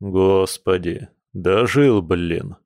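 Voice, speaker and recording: A man's voice: fairly low pitch, unhurried, a little mellow, no room sound. A man voicing a hungover bear werewolf who groans and complains gloomily, in a dry audiobook recording. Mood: groaning. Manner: groaning, mournful.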